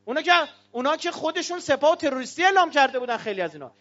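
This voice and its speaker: A man from Iran giving an impassioned political speech to an audience, fiery and declamatory, with bursts of shouting. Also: very high-pitched, big pitch swings. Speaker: speaker addressing an audience. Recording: dull lo-fi recording.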